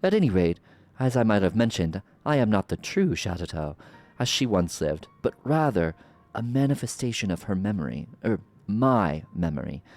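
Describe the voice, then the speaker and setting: A man voicing a haughty, mocking ancient sorceress from a game, speaking in slow theatrical villain menace. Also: fairly low pitch, very animated, a little mellow. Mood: imperious menace. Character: haughty sardonic ancient sorceress villain, memory manifested, woman. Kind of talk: reading game dialogue aloud in character.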